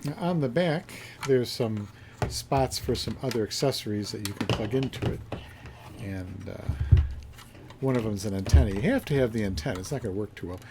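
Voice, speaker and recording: In a basement, a man with a lowish, gravelly voice and a moderate pace casually demonstrates a vintage find he's reviewing as a reseller, musing and thinking aloud as he works. There's faint background noise.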